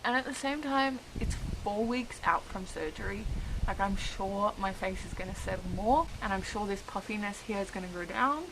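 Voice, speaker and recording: A woman's voice: medium pitch, normal speed. Casual woman vlogger, noisy background. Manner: informal, rambling, self-deprecating. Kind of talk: casual chat to camera.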